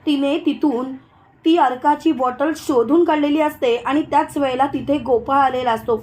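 A woman narrator recaps a TV serial episode in a steady, plain storytelling manner. She links each scene with the same phrases, in a high voice. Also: moderate pace.

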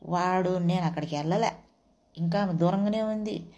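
A woman's voice: lowish voice, normal speed, warm tone. A woman from India, a house worker casually retelling a quarrel and acting out what each person said. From Telugu-speaking India. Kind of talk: casual storytelling vlog.

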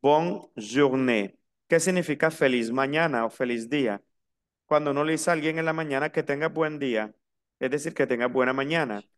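Male language teacher, smooth clear voice, slow careful pronunciation drills. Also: fairly high pitch, fairly bright tone. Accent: Latin American Spanish. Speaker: French teacher. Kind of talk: online language lesson.

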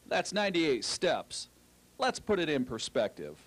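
A man's voice: on the high side, big pitch swings, measured pace, fairly bright tone. A man reporting a light feature story for TV news, joking and wry, partly from outdoors in a small park.

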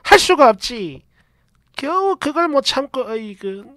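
A woman voicing a nagging older mother-in-law who scolds loudly in a shrill voice. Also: sing-song, a little slow, slight background noise, heavily acted. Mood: scolding.

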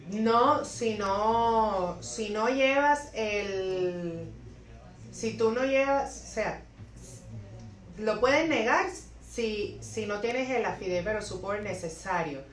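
A woman's voice: medium pitch, slow. A young woman, an immigration lawyer, answering viewer questions with practical step-by-step advice and frequent self-corrections, seated at her office desk. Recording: echoey office, voice a bit distant from the mic.

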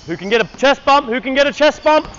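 A man's voice: very high-pitched, expressive, fast talker, a bit bright, lo-fi sound, a little hiss or hum. A man coaching a basketball clinic on an indoor court, energetically calling out drills and counting down for players.

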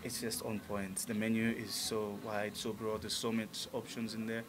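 A man's voice: fairly low pitch, level tone, moderate pace, background noise. A man in his thirties from Tanzania, a musician being interviewed, talking casually and enthusiastically with many fillers in a restaurant lounge. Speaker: musician guest. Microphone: table mic on stand.

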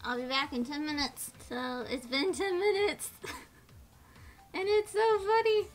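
A woman's voice: sits high, fairly even intonation, measured pace, faint music behind. A young woman vlogger chatting casually in a bubbly way while wearing a face mask. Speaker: beauty vlogger. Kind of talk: casual vlog chat.

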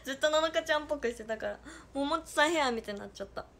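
A woman's voice: high-pitched, very fast, fairly bright tone. A playful young woman with a Hakata accent chatting casually on a livestream as an idol and reading viewer comments aloud. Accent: Hakata dialect.

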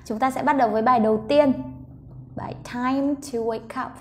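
A woman's voice: fairly high pitch, steady tone, moderate pace, a little mellow, a little hiss or hum. A woman teaching English pronunciation, sounding words out letter by letter and repeating each one many times. She talks patiently and coaxes learners along, recorded on a phone. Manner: patient, coaxing, checking in with learners as she goes. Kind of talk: slow pronunciation lesson.

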